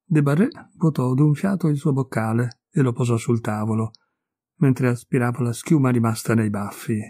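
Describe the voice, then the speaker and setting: Man, audiobook narrator, measured cadence, dry close sound, husky. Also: medium pitch, warm tone, no room sound. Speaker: narrator reading a short story. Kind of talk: audiobook reading.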